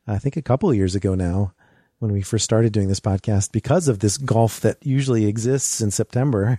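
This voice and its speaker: A man co-hosting a podcast, talking quickly in an easygoing way. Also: on the low side, mellow, no room sound, studio quality. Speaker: podcast co-host. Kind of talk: casual podcast chat.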